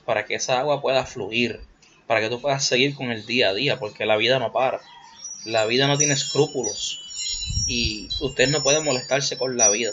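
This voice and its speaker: A young Puerto Rican man talks on his own in a loose, rambling way, crude jokes and stray English words mixed into his speech. His voice sits at an ordinary middle pitch, and the recording is a little dull and muffled with a faint hiss underneath. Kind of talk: casual solo monologue.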